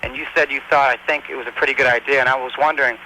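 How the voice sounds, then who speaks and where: A man's voice: medium pitch, fairly even intonation, rapid-fire, sharp tone, slight background noise, rough recording. A man from Barbados calling in to a radio show with a long, chatty question. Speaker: caller.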